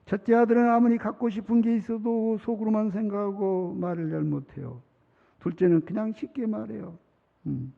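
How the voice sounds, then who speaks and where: In a large church sanctuary, a middle-aged pastor with a fairly high voice and vocal fry preaches a chatty sermon, laughing often and acting out children's pleas. The reverberant hall leaves the sound muffled.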